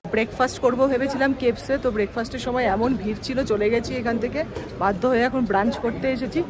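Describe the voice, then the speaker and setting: Woman vlogger, quick and chatty, kinda high voice, music going under it. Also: fairly even intonation. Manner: chatty, descriptive, guiding viewers. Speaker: travel vlogger. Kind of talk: travel vlog, voice-over and on-the-spot talk.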